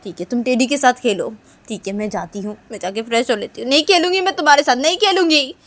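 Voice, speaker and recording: A woman voicing an irritated young mother who scolds in a raised, petulant voice, much higher than her own narrating voice. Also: fast, a bit bright, close to an everyday voice. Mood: sulky scolding.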